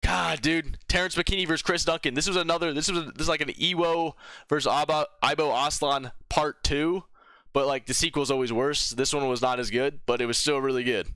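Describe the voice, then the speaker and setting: Bright, crisp-voiced young man ranting. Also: a little high, moderate pace, dry recording, clean studio sound. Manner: rambling, opinionated, with filler words and restarts. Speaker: MMA commentary vlogger. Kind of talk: casual fight reaction commentary.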